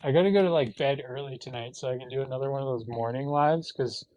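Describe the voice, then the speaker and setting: A man's voice: mid-range voice, fast, a little mellow, no room sound, low-quality recording. A man hosting a livestream, chatting casually and joking playfully with his co-host.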